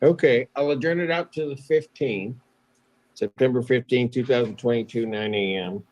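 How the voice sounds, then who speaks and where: A judge presiding over a remote court hearing formally calls and adjourns cases in a procedural manner. His mid-range, darkish voice moves at a moderate pace, and the poor-quality courtroom recording has clear background noise.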